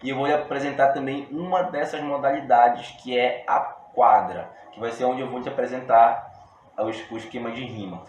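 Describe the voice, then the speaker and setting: A man's voice: mid-range voice, moderate pace, dull audio. Brazilian man teaching in an echoey room. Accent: Brazilian Portuguese. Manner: relaxed, slangy, explains step by step with many restarts. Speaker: poetry workshop teacher. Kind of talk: casual video lesson. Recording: roomy echo with faint room noise.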